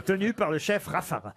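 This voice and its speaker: A man's voice: on the high side, very noisy. A man hosting a radio quiz, teasing his panel and reading out prize promotions in a playful way. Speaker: radio game show host.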